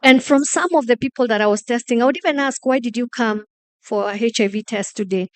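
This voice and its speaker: A woman's voice: fairly high pitch, fairly quick, no room sound. Earnest woman telling stories. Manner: earnest, anecdotal. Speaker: panelist, former HIV testing counselor. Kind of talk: panel storytelling.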